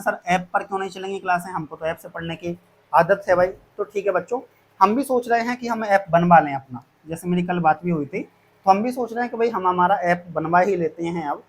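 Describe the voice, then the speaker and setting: A man with a notably high-pitched voice speaks to his students like a teacher. He explains plans step by step, often circling back and repeating himself to reassure them. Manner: repetitive, reassuring, addresses students as kids. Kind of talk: explaining course fees to students.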